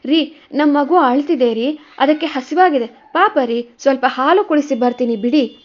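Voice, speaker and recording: A woman's voice: on the high side, measured pace, darkish tone, dull audio, natural voice. A woman voicing a grieving young wife who pleads in tearful outbursts. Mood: pleading.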